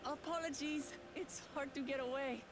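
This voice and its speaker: A woman's voice: high-pitched, fairly even intonation, normal speed, background noise, close to an everyday voice. A woman voicing an earnest, humble young princess in a video game, sincere and plain-spoken. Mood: fond, sheepish. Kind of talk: video game cutscene acting. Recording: game music behind the voice.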